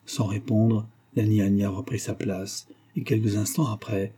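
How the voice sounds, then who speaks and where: A man reading a novel aloud as an audiobook narrator, in a measured literary way. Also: lowish voice, fairly even intonation, warm tone, breathy edge. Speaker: audiobook reader. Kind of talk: scripted narration.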